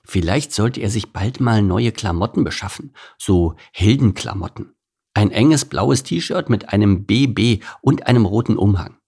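A man narrating a children's animal story, expressive and playful. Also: on the low side, measured pace, slightly rough. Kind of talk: storybook reading.

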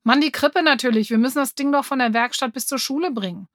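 A woman's voice: high-pitched, quick pace, no room sound, clean studio sound, voice pushed up, close to an everyday voice. A woman doing a cocky boy gang leader. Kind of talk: audiobook reading.

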